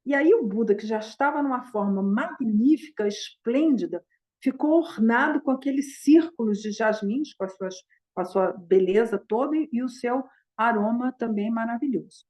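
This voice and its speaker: A woman's voice: on the high side, lively intonation, moderate pace, a little mellow. A woman, a Buddhist teacher, tells a teaching story in an informal, loose style with many fillers. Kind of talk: storytelling dharma talk.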